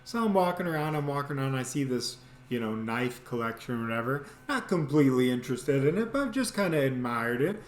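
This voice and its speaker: A man with a mid-range voice hosts while telling a casual, comedic personal story, speaking briskly with few pauses. He animatedly acts out quoted lines and sound effects, and the recording sounds echoey and roomy.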